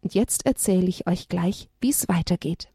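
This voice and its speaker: A woman reading a children's story aloud in a gentle, expressive way. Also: fairly low pitch, normal speed.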